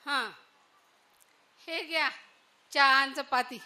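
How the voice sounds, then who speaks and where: A woman doing a snappy young village daughter-in-law, bright high voice. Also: steady tone, slow pace, full character voice. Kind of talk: solo stage monologue.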